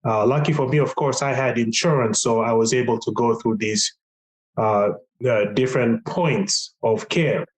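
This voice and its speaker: Middle-aged man, patient advocate; earnest, reflective, mid-pitched, filler-heavy. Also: moderate pace, rough recording. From Tanzania. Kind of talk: recorded podcast testimony.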